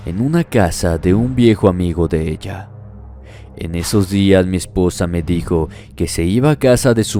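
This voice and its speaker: A man reading a horror story aloud as a scripted narration, in a slow, measured storytelling manner. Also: low-pitched, mellow. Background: faint music.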